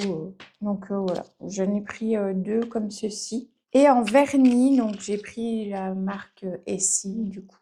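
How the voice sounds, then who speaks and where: A woman's voice: fairly high pitch, dark tone. A woman from France chatting casually in her vlog, full of fillers and self-mocking laughs. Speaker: vlogger.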